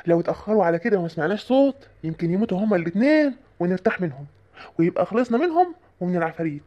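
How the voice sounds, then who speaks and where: A man's voice: sits high, lively intonation, racing, dull audio. A man voicing a cowardly, panicky sheikh in a comic cartoon, with an Egyptian accent and a pleading, jittery way of talking. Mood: grumbling. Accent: Egyptian Arabic. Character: cowardly middle-aged male sheikh, panicky. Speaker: sheikh called to drive out spirits.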